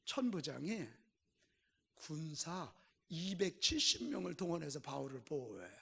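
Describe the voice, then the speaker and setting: A middle-aged male pastor preaching a sermon emphatically, swinging between loud and soft and throwing questions to the congregation. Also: on the high side, expressive, measured pace, vocal fry, slight background noise. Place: church sanctuary. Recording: echoey church hall.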